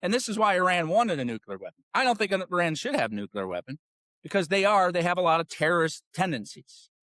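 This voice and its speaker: A man's voice: sits high, very animated, fast, fairly bright tone, dry recording, studio quality. Profane, angry man ranting on politics. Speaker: podcast host. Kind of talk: political commentary rant.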